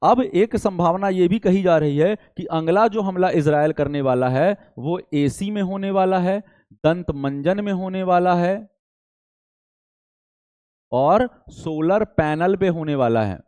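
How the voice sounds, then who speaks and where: A teacher preparing students for competitive exams gives a current affairs lesson, speaking didactically, checking in often and asking rhetorical questions. His voice sits high with a darkish tone, and he talks at a slow pace. There's no room sound.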